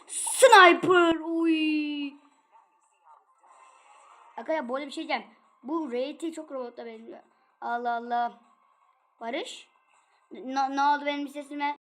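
A woman giving casual, playful commentary while playing a video game, chatty and excitable as she addresses her viewers. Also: high-pitched, fast talker. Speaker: gaming channel host. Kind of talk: casual let's-play commentary.

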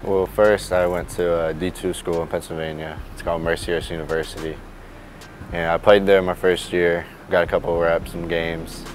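A man's voice: deep voice, little pitch movement, normal speed. A young man from Florida, a college football player, talking plainly and a bit rambling in a sports interview. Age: young adult. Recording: background music under voice.

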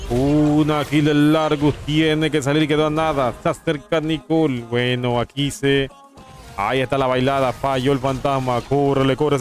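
Panamanian guy casting a mobile game tourney live, joking with chat, faint music behind. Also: on the high side. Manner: playful, teasing chat with viewers between play-by-play. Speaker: esports caster.

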